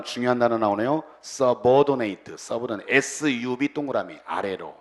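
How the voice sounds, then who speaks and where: A middle-aged man teaching an English vocabulary lecture, breaking words into roots and repeating their meanings in chanted lists for students to echo. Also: medium pitch. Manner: has students repeat pronunciations after him.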